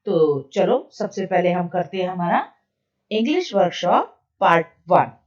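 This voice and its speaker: A woman's voice: lowish voice, big pitch swings, measured pace. A woman with an Indian accent teaching an English lesson, switching to Hindi to explain and often checking "okay?" with her students. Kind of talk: recorded online lesson, mixing English and Hindi. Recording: dull, distant lo-fi recording.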